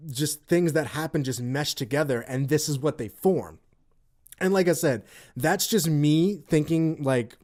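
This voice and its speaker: A man's voice: fairly high pitch, warm tone. A man co-hosting a casual podcast, telling stories in a rambling way with many restarts and fillers. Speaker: podcast co-host.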